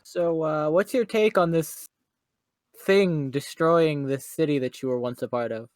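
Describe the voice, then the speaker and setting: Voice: mid-range voice, measured pace, a little mellow. Easygoing tabletop game player. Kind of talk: casual chat in a tabletop game.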